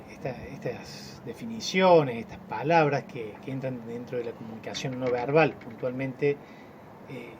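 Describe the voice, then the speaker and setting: A man giving a casual spoken lesson on voice and speech, talking with many fillers and restarts. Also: mid-range voice. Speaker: voice and speech teacher. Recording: dull lo-fi sound with clear noise.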